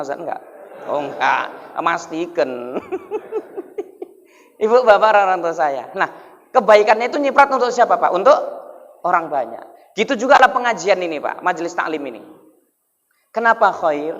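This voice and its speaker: A man's voice: high-pitched, a bit bright. A man giving a humorous sermon, joking and quizzing the congregation, heard in an echoey hall on a dull lo-fi recording. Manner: jokey, keeps asking the crowd questions. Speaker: Islamic preacher.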